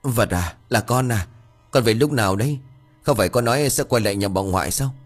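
A man's voice: lowish voice, lively intonation, fairly quick, soft background music, pitched above the performer's own voice. A man voicing a frightened middle-aged village mother who stammers and pleads in panic. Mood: bewildered.

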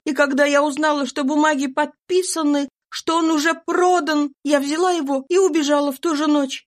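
A woman reading an audiobook voices a desperate young runaway mother, speaking high, fervent and pleading. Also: natural voice. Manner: pleading, fervent, trembling with urgency.

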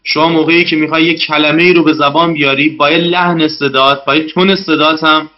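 A man's voice: a little high, fairly even intonation, lo-fi sound. A man, a guest in a casual interview, talking politely about learning a language with many hesitant fillers.

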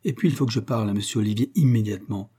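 A man's voice: fairly low pitch, very fast, dark tone, slightly rough. A man reading the part of a cheerful young male servant, eager and exclamatory.

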